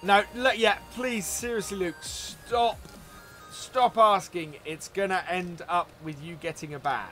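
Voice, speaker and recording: A man's voice: sits high, measured pace, sharp tone, soft background music. A man hosting a live gameplay stream, chatting casually and greeting viewers by name while he plays. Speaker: livestream host.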